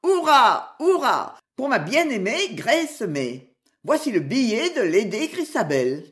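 A cheeky, chatty boy messenger, as a woman reading the story puts him on, his voice raised a little higher and swinging up and down with lively energy. He teases and jokes as he talks. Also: unhurried. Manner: teasing, chatty. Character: cheerful mischievous teenage boy messenger.

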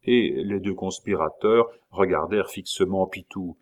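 A man narrating a classic novel aloud in a measured storytelling manner. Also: low-pitched. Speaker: audiobook reader. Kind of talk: literary narration.

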